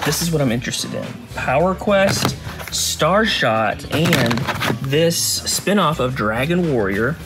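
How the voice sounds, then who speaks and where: A man hosting a video game collecting vlog, chatting excitedly as he digs through a hot Florida warehouse. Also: a little high, slow pace, over loud music. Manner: excited and enthusiastic. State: sweating in the heat. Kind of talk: casual vlog chat.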